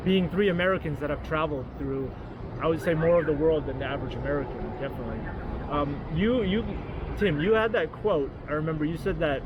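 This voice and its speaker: A man hosting a casual discussion, relaxed and encouraging, often answering with a quick yeah. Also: fairly high pitch, muffled recording. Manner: relaxed, many yeahs and back-channel responses. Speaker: host. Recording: outdoor traffic noise.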